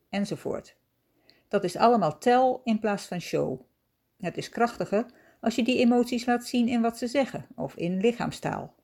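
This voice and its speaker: A woman hosting a writing-tips podcast, reading a scripted lesson in a calm, measured, instructive way. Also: mid-range voice.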